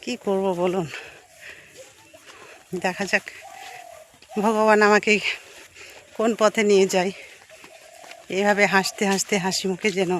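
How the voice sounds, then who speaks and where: A woman's voice: mid-range voice, flat delivery, unhurried, long pauses, a little hiss or hum. Breathless woman health worker vlogging. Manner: gentle, coaxing, advising elders. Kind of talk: casual vlog talk to viewers. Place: outdoors by a village road.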